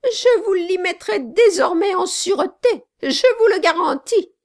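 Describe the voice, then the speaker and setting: A woman voicing a sharp, defiant, scornful spinster who takes snuff, in an audiobook reading. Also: sing-song, fairly quick, no room sound, studio quality. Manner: shrill, scornful outbursts.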